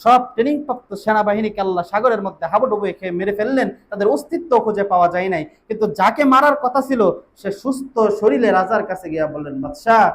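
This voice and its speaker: A man preaching a storytelling sermon, chanting lines in a sing-song way and calling out loudly to the crowd. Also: high-pitched, animated, fast, slight background noise. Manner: chanting, sing-song delivery with loud exclamations. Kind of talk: Bengali waz sermon storytelling.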